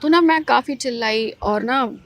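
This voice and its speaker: A young woman, a podcast guest, telling a personal ghost story in an animated, emphatic way. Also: on the high side, normal speed.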